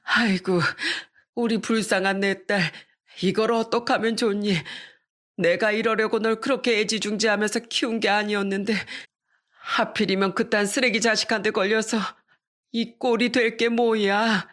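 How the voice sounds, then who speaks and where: Woman reader as angry protective mother, shouting, higher and louder than the narration. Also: steady tone, moderate pace, lightly acted. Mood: tearful. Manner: shouting, furious. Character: angry protective older mother, tearful and fierce.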